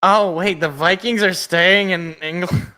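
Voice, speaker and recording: A man in his twenties hosts a live football reaction stream. He calls plays and jokes with his chat in a bright, forceful voice that sits slightly high. His humor is self-deprecating. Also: steady tone, a little slow. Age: 20s. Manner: joking, self-deprecating, chatting with viewers. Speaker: sports podcast co-host. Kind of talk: live game reaction and play-by-play.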